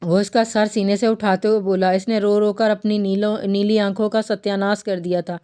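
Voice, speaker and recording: A woman narrating a romantic novel aloud in a steady storytelling manner. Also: medium pitch, clear, resonant tone.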